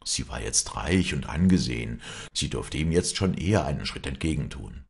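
A man narrates a novel as an audiobook in a deep, gravelly voice. His tone is very husky, yet his pitch moves expressively. The reading is measured and storytelling. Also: animated. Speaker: audiobook reader.

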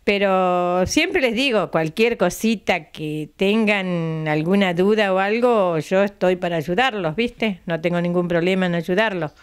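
Speaking in a low-leaning, clean voice with few pauses and no hurry, this older woman with an Argentine Spanish accent is being interviewed at home for local TV. She presides over a retirees' center and chats easily into a handheld mic the interviewer holds. She goes over dates again patiently and ends phrases with a questioning tag.

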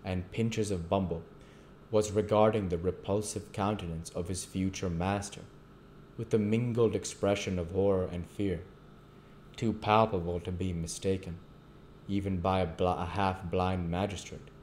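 Deep-voiced man reading a classic novel. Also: steady tone, a little mellow, slight background noise. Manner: measured reading with occasional stumbles. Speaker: audiobook reader.

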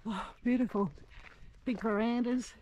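A woman giving casual, chatty commentary with quick exclamations while out on a walking track, recorded on an action camera. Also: fairly high pitch, fairly even intonation, darkish tone. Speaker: vlogger. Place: outdoors on a bush walking track. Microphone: action camera mic. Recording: outdoor camera recording with clear background noise.

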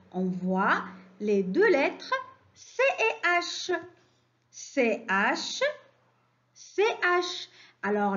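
A woman teaching a phonics lesson to young children, stressing each syllable slowly in a sing-song way. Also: high-pitched, highs cut off.

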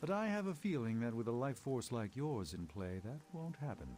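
An actor playing an eloquent, philosophical middle-aged sorcerer in a video game, speaking in a measured way. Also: male voice, mid-range voice, big pitch swings, darkish tone, lightly acted. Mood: contemplative.

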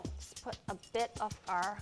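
A woman in her thirties hosts a cooking show, cheerfully walking through each step as she cooks in a large home kitchen, wearing a lapel mic. Her medium-pitched voice keeps fairly even intonation at a normal speed, accompanied by background music and the sizzle of frying.

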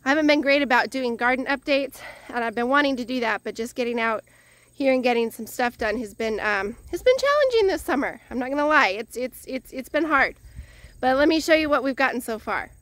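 Expressive and fairly quick, her high-pitched voice has a fairly bright tone and no room sound. She's a Northwest Illinois home gardening vlogger giving a casual, cheerful outdoor tour of her vegetable garden as she walks, a bit out of breath, thankful and chatty with many restarts.

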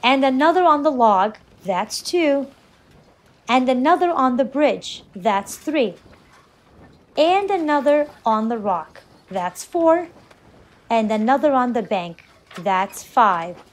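A woman's voice: high-pitched, animated, takes it slowly. A woman voicing foolish fisherman brothers who lament and fret as they count themselves in a storybook. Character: worried foolish fisherman brothers, adult men.

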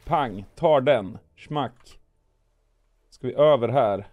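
With a voice roughened by weeks of coughing, a man hosts a gaming video, playfully narrating his actions with comic noises. He sits in the mid range, the audio is narrow and tinny, and soft music runs in the background.

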